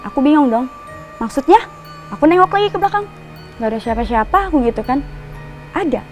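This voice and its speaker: A woman's voice: high voice, lively intonation, quick pace, faint music behind. A woman from Java telling a personal story as a guest, rambling with restarts and asides. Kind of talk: casual storytelling.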